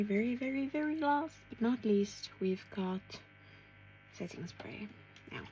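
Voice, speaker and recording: Woman, beauty vlogger, gravelly voice, casual makeup chat, soft asides to herself. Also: medium pitch, a little hiss or hum, poor audio. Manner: chatty, talking to herself while applying makeup, drops to soft asides.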